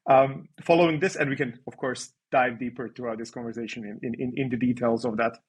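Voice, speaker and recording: A man from Serbia speaks as a podcast guest. His voice is slightly husky and has a middling pitch. He walks through his research path with frequent restarts. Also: steady tone, a little fast. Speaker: guest physicist. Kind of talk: conversational podcast interview.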